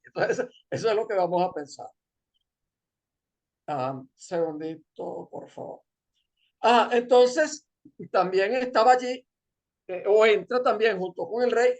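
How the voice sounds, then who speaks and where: A man with a Venezuelan accent leads a seminar session and retells a story informally. He wanders and hesitates, with many fillers. Along the way he drops wry, joking asides. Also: high voice. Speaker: seminar lecturer.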